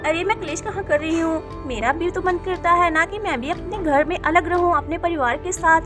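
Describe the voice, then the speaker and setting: Quarrelsome village sister-in-law, defensive and snappish, very high; woman plays her for a doll video. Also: normal speed, music in the background. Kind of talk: doll video role-play.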